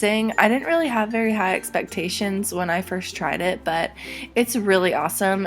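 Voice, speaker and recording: Hoarse young woman doing makeup tutorial. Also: medium pitch. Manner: chatty, upbeat product talk with many "like"s. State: hoarse, a little sick. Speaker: beauty vlogger.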